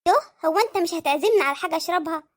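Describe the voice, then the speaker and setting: Squeaky egyptian cartoon mistress, chipmunk-fast voice, coy and pushy. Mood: coy demanding. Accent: Egyptian Arabic. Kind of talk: comic cartoon dialogue.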